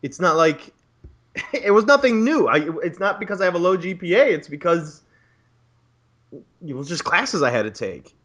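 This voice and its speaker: A man's voice: high-pitched, sing-song, moderate pace, pauses often, a bit bright. A man in his twenties, a graduate student, on a casual podcast, ranting profanely and with exasperation about bureaucracy. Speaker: podcast co-host.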